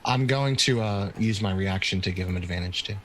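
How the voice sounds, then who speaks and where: A man's voice: on the low side, brisk, a bit bright, a little hiss or hum, rough recording. A man playing in a tabletop game, earnestly defending his character's actions. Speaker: player.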